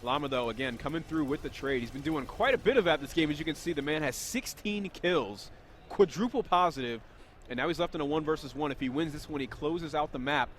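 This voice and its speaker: A man doing live play-by-play commentary on a competitive video game match, energetic and quick, sometimes correcting himself mid-sentence. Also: fairly high pitch, slight background noise. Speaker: esports commentator.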